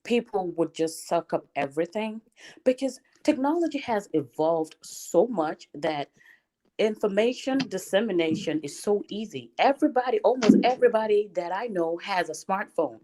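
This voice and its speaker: A woman's voice: mid-range voice, moderate pace. A Gambian woman in her thirties, speaking outspokenly in a casual chat, joining a live stream from home. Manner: outspoken, animated, laughs often. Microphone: computer mic, webcam off.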